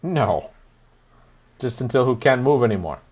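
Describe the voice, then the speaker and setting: A man's voice: mid-range voice, sing-song, moderate pace, a little mellow, breathy edge. A man voicing a short, greasy-haired human fight promoter who talks in a brusque, folksy, businesslike way. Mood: matter-of-fact.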